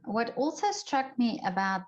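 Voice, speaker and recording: A woman's voice: fairly high pitch, big pitch swings, measured pace. A woman hosting an interview, asking questions attentively and murmuring along as her guest speaks. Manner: attentive, frequent listening murmurs. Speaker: interviewer host. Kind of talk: interview conversation. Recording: slightly dull, lo-fi sound.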